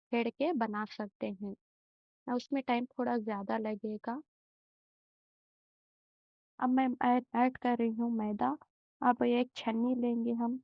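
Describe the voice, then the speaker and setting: A young woman talks through a recipe slowly and gently, pausing often. Her fairly high voice stays flat and carries a gravelly fry. The recording is dry and muffled, as if from a home kitchen. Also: no room sound. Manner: slow, gentle, many hesitations. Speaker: home cooking channel host. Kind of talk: step-by-step recipe demonstration.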